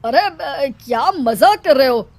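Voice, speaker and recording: A woman's voice: sits high, expressive, slow pace, heavily acted. Woman doing a brusque village headman. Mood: dismissive. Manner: dismissive and brusque. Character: stubborn middle-aged male village headman. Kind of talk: cartoon voice acting.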